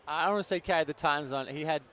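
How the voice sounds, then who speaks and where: A man's voice: fairly high pitch, very fast, fairly bright tone. A man speaking as co-commentator and league representative, earnest and enthusiastic about the players. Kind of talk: sports commentary. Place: outdoor sports ground.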